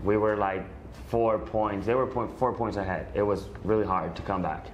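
Halting low-voiced man at a press conference. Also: steady tone, muffled recording, a little hiss or hum. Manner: halting, many fillers, searching for words. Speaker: volleyball player. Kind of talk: post-game press conference answers.

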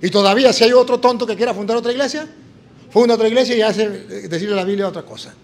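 Animated Latin American priest telling a story. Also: male voice, high-pitched, rapid-fire, creaky. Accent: Latin American Spanish. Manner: animated, acts out dialogue in story. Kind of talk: sermon with storytelling.

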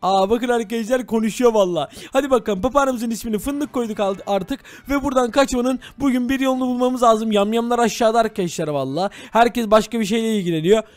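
Young man, game host, excitable, teasing, high voice, rapid talk, dry close sound. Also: dry recording. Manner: excitable, teasing, constantly addressing viewers. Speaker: gaming channel host. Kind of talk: role-play gameplay commentary.

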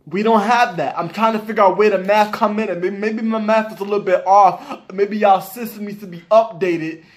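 A man vlogging casually, venting to his viewers in a slangy, animated way and repeating lines for emphasis. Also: sits high, brisk. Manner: animated, exasperated, talks straight to the viewers. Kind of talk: casual ranting vlog.

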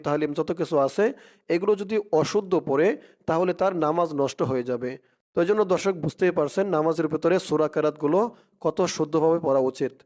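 High-voiced man teaching Quran recitation. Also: darkish tone. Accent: Bangladeshi Bengali. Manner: drawn-out melodic chanting of Arabic verses, spelling letter by letter. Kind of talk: Bengali religious lesson with slow Arabic recitation.

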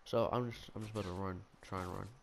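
A young man telling a childhood story in a rambling, animated, self-mocking way, with lots of restarts. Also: low voice, fast, creaky, slight background noise. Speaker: gaming video storyteller.

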